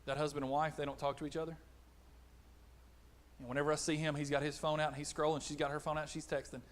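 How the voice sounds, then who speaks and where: A middle-aged man preaching a conversational sermon, animated, acting out little exchanges. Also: a little high, fast. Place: church auditorium.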